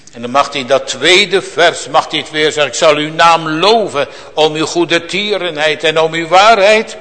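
A man preaching a sermon to his congregation, with a fervent, drawn-out cadence that drops suddenly to soft, quiet phrases. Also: a little high. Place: church. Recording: long church reverb.

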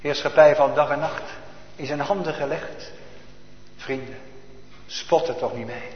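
A male pastor, his voice sitting a bit higher than most men's, delivers an urgent sermon. He swings between loud declarations and hushed, near-whispered lines. He is heard on a dull, lo-fi recording with long reverb from a large church hall. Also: measured pace, a little hiss or hum.

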